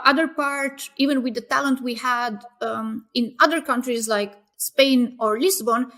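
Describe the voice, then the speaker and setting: A woman, a company founder, answering interview questions in a casual, thoughtful way, often pausing with fillers and restarting phrases. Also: a little high, fairly bright tone.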